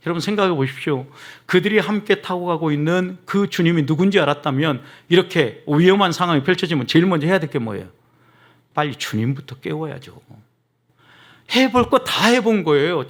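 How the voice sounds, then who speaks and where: A middle-aged man preaching a sermon as pastor, often calling out to the congregation, moving between soft asides and emphatic rises. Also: on the high side.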